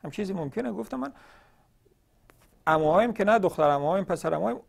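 Gravelly, animated man, rhetorical and emphatic. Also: sits high. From northern Iran. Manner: emphatic and argumentative, full of rhetorical questions. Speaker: host of a religious question-and-answer program. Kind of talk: televised polemical monologue.

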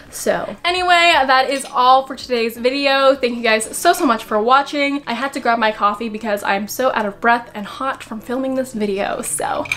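A young adult woman talks through a clothing haul in a bubbly, gushing way. Her voice sits a little high and stays bright and friendly as she shows each piece to the camera. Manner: bubbly and enthusiastic. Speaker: fashion vlogger. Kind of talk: casual try-on haul chat.

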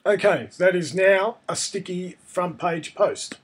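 A man with a cold walks through a software tutorial step by step, his high voice sounding hoarse, husky and croaky. His casual screencast narration moves at a slow pace.

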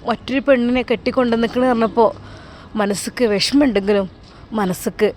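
A woman's voice: a little high, fast talker, darkish tone, a little hiss or hum, lightly acted. A woman voicing a sorrowful middle-aged mother with a Malappuram accent, who complains in a plaintive tone. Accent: Malappuram Malayalam.

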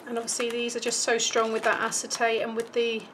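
A British woman is losing her voice as she gives a casual craft tutorial indoors at a craft table, explaining each step and thinking aloud. Her slightly high voice is completely flat and brisk, heard over background noise.

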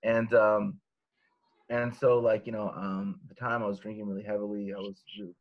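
A Los Angeles man in his thirties, appearing as a guest author, talks casually on a laptop webcam video call from his living room. His voice is fairly low with little pitch movement, at a moderate pace, and sounds lo-fi; he rambles, with many fillers and restarts.

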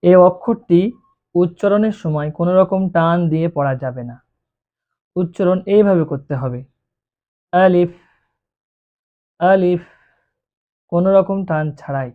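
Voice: mid-range voice, normal speed. A Quran reading teacher giving a beginner lesson, patiently drawing out each letter sound to demonstrate it. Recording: tinny phone-like recording.

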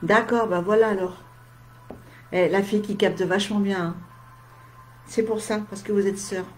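Tired, slightly husky woman chatting live. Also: medium pitch, steady tone, normal speed, a little mellow, soft background music. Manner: chatty, talks straight to viewers in short asides. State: tired, with a slight head cold. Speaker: medium. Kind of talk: casual live stream, answering viewer comments.

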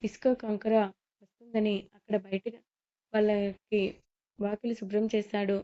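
A woman voicing a short-tempered middle-aged father-in-law who scolds and shouts, on a slightly muffled recording. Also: mid-range voice, level tone, unhurried, close to an everyday voice. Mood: irritated.

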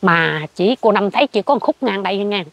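Fast-talking husky older Southern Vietnamese woman. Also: mid-range voice, no echo, highs cut off. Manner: animated storyteller who acts out what she saw. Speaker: interviewee. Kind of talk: ghost story told in conversation.

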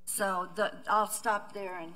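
Slow, bright-voiced woman presenter. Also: medium pitch, steady tone, slight background noise, poor audio. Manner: measured, with many fillers and restarts. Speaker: university administrator. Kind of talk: panel presentation. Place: conference room, seated at a table.

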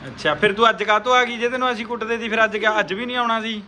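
Punjabi woman, bright tone, coaxing, teasing kids, home vlog, faint background noise. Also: fairly high pitch, very fast, low-quality recording. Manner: coaxing, teasing, motherly questioning. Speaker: vlogger filming her children. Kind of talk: casual family vlog, talking to children.

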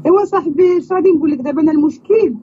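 On a prank phone call, a man impersonates a chatty young foreign woman searching for a husband, using a Moroccan accent. He talks rapid-fire in an extremely high pitch, pleading and repeating "you understand?". The sound is dull and lo-fi with faint noise.

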